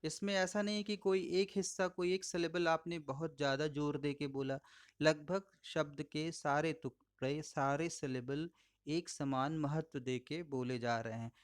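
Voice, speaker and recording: A man giving a recorded audio lecture, explaining patiently, addressing listeners as friends and slowing down to model words. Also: on the high side, steady tone. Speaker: English teacher.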